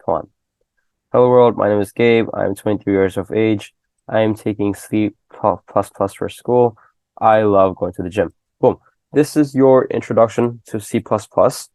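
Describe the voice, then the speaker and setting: Young male tutor, dark gravelly tone, laid-back conversational delivery. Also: fairly low pitch, normal speed, no room sound. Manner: loose and conversational, full of "okay?" and "right?" checks. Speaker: programming tutor. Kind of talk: casual screen-recorded coding lesson.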